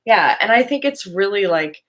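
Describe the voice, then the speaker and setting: A woman's voice: mid-range voice, expressive, normal speed, poor audio. A woman co-hosting a podcast, chatting about music with enthusiasm and lots of "like"s. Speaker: podcast co-host. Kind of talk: casual conversation about music.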